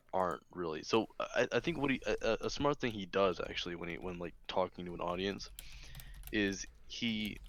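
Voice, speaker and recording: A man's voice: low-pitched, fairly bright tone. A man from Michigan, a guest in a casual discussion, talking hesitantly with many restarts.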